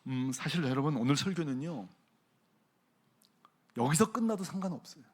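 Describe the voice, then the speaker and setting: A man, a senior pastor, preaching a sermon. He swings from hushed lines to loud exclaiming and often asks the congregation questions. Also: fairly high pitch, animated, moderate pace.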